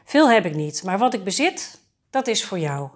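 A woman's voice: medium pitch, very animated, moderate pace. A woman voicing a kindly miller in a storybook tale, speaking in hearty, direct lines. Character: kindly male miller, working man.

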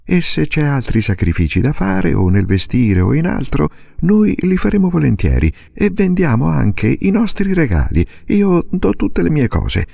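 A man's voice: fairly high pitch, huge pitch swings, moderate pace, vocal fry, hardly any pauses, warm tone, no echo, clean studio sound, voice pushed up, full character voice. An actor playing an earnest, determined young girl who pleads and insists, in a storybook reading. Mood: earnest pleading.

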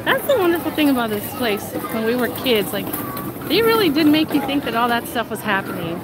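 A woman with a high, sing-song voice talks fairly quickly on a rough recording, live-streaming from her phone while walking through a crowded theme park. The vlog host chats casually and laughs a lot, slightly nasal as she recovers from a cold, with crowd noise and park music loud behind her.

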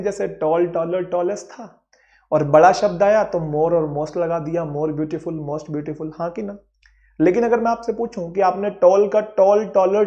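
A man's voice: high-pitched, a little mellow, dull audio. A man teaching an English grammar lesson for exam prep, talking conversationally, acting out students' questions and checking that the class follows.

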